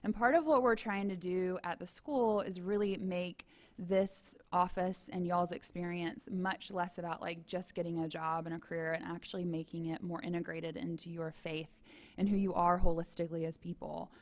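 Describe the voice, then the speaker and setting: A woman's voice: on the low side, fairly even intonation, normal speed. A woman running a college career office, moderating a panel in a chatty, self-deprecating way.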